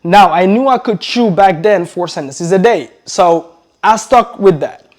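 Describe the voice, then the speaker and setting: A real estate coach who grew up in Belgium gives an energetic motivational talk to camera in accented English, which isn't his first language. His voice is high-pitched and a little slow, and he calls viewers "guys," using many fillers and repetitions.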